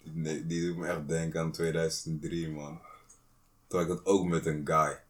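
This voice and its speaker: A man's voice: very deep voice, flat delivery, normal speed. A man telling a story in casual chat, laid-back, mixing street slang with English phrases.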